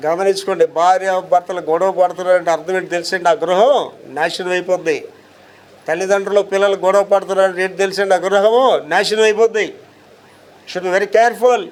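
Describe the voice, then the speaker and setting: A man's voice: sits high, steady tone, a little fast. A pastor from India preaching a sermon, emphatic and firing rhetorical questions at his listeners.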